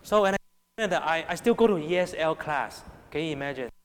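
A man's voice: on the high side, animated, fast talker. A man with a Hong Kong Cantonese accent preaching a sermon to young people, emphatic, often raising and dropping his voice and checking in with rhetorical questions. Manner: rhetorical questions, repeated check-ins with listeners. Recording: long hall reverb.

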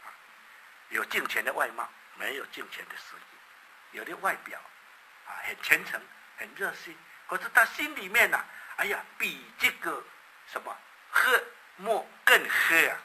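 An older man, a church elder, preaching a sermon with animated storytelling, acting out parents and children in dialogue. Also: fairly high pitch, a little slow, a little hiss or hum, poor audio.

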